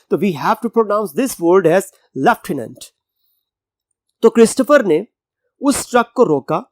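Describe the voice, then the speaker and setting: A male college English teacher with a Pakistani Urdu accent reads a passage aloud word by word at a slow, unhurried pace. He pauses often to give synonyms and explain each line in Urdu. The sound is dry and close, with no room echo. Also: sits high, a little mellow. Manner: gives synonyms and everyday examples.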